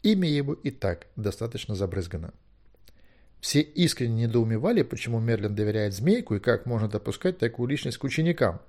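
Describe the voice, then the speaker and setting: Guy reading an audiobook, mid-pitched, lively up and down, measured storytelling. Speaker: narrator. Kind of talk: audiobook narration.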